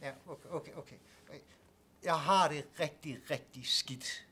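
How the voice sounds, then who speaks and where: A man's voice: on the high side, pushed and bright, breathy edge. An actor playing a distressed patient with obsessive thoughts who stammers and grows exasperated when he is not heard. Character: distressed man with obsessive thoughts seeking new medication. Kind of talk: student film acting.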